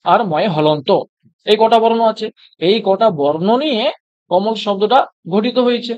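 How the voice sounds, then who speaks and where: A teacher giving an exam-prep lecture. The teacher asks a question and then answers it, and recites Sanskrit lines slowly. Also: medium pitch.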